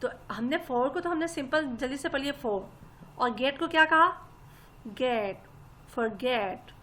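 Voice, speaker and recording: Her high-pitched voice sounds pushed and bright as she teaches English grammar at a normal pace. Talking into a laptop microphone for a recorded lesson, she goes through things patiently step by step and keeps politely addressing those listening.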